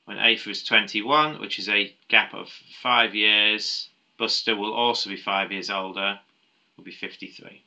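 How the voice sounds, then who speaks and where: Male maths tutor, lowish voice with a very bright edge, talks through problems aloud with ums and restarts. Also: steady tone, a little slow, gravelly. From United Kingdom. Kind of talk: explaining a maths paper step by step.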